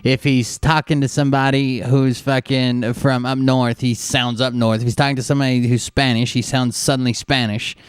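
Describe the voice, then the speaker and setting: A man's voice: mid-range voice, flat delivery, moderate pace, hardly any pauses, clear, resonant tone, no echo. A man hosting a show, talking bluntly and mocking, swearing freely in casual commentary. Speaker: show host reacting to a clip.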